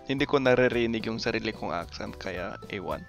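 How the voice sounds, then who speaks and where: A man in his twenties from Canada chatting casually in choppy, deliberate phrases, with a non-native Tagalog accent. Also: on the low side, creaky, soft background music. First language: English. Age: 20s. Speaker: video maker talking with strangers online. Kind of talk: casual chat.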